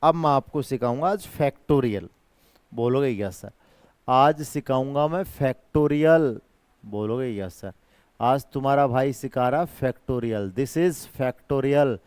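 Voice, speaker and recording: Male math tutor, smooth resonant voice, dry close sound, coaxing call-and-response teaching, exam-prep lesson. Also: medium pitch, a little slow, a little mellow, no echo. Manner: coaxing, repeats prompts for students to answer; calls students by pet names and himself their brother.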